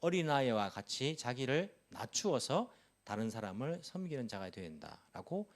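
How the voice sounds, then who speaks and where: A man's voice: very animated, moderate pace, slight background noise. A male pastor delivering a church sermon, pressing his point with repeated rhetorical questions. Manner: pitch rises and drops sharply for emphasis. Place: church service.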